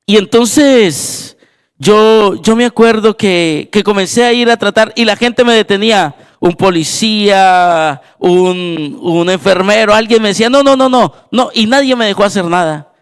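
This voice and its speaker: A man's voice: high-pitched, measured pace, clear, resonant tone. A man, a pastor with a Colombian Spanish accent, preaching a sermon in a church and telling stories that build to fervent exclamations. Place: church sanctuary.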